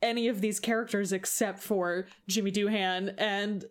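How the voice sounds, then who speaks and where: A woman's voice: medium pitch, fairly even intonation, normal speed. Chatty woman podcast co-host. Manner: conversational, often quoting her own reactions. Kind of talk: casual chat.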